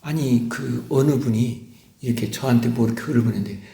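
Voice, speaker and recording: A middle-aged male pastor preaching a sermon, swinging between loud emphasis and hushed whispers. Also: medium pitch, fairly even intonation, brisk, creaky. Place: church sanctuary. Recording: echoey church hall.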